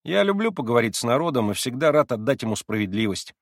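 A cocky schoolboy lectures and teases in a lively, sing-song voice, as a male reader puts him on. He speaks a bit higher than the reader's own voice. The recording is close and dry. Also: quick pace, dry recording. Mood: brash lecturing. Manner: brash, teasing, lecturing.

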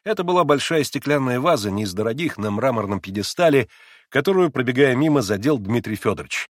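Expressive male audiobook narrator. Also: mid-range voice, fast talker, no echo, studio quality. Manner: expressive, dramatic reading. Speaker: audiobook reader. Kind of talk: scripted narration of a novel.

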